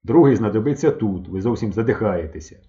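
A man's voice: expressive, a little fast, highs cut off, close to an everyday voice. Man reading a caustic old woman doctor. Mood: brisk. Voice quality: hoarse bass voice. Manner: sharp, biting. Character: Hanna, stern elderly woman doctor, caustic.

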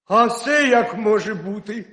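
A man plays a proud, quick-tempered male hare from a storybook tale, calling out in a high, agitated voice. He sounds indignant and eager to race again, in a roomy space. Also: exaggerated voice. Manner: excited, indignant shouting.

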